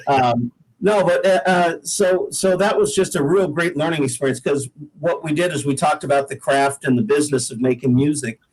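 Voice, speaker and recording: This Pacific Northwest singer-songwriter, an American man, shares stories in an interview with a casual, unassuming, folksy manner. His voice is fairly high, slightly rough, and darkish in tone at a moderate pace, captured in a low-quality recording.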